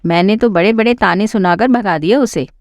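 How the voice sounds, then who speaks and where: A woman's voice: mid-range voice, fairly quick, a little mellow, no echo, clean studio sound, lightly acted. A woman voicing a quarrelsome, scornful older mother-in-law who taunts and scolds. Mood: scolding.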